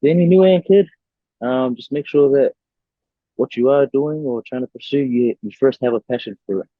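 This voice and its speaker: A man's voice: mid-range voice, moderate pace, dry recording. A young man from New Zealand, a rugby player answering interview questions casually with lots of fillers over a video call. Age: young adult. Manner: relaxed, many fillers and restarts. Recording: dry tinny video call audio.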